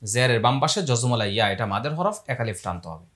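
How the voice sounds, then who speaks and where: A man teaching Quran recitation, chanting verses slowly and spelling out the rules between them. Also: mid-range voice, lively intonation, a bit bright. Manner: slow drawn-out chanting of Arabic verses, then brisk spelled-out explanation.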